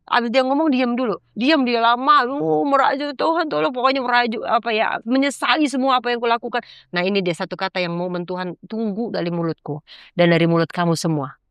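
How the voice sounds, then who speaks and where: A woman's voice: fairly high pitch, brisk, fairly bright tone, clear, resonant tone, dry recording. A middle-aged woman, a podcast guest, giving an earnest, preachy personal testimony and acting out her own pleas in a rising voice.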